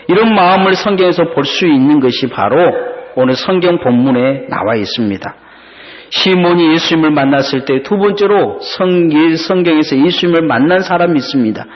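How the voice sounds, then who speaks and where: A man preaching in a church, telling a story and giving each person in it a voice. His voice sits a little high, and a long hall echo trails after each phrase. The sound is slightly dull. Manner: storytelling preacher who acts out the quoted characters. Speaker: pastor. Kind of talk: sermon. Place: church sanctuary.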